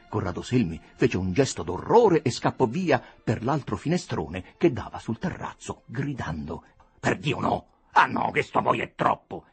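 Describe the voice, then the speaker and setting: A man giving an expressive, theatrical audiobook reading of a story. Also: mid-range voice, breathy edge. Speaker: narrator.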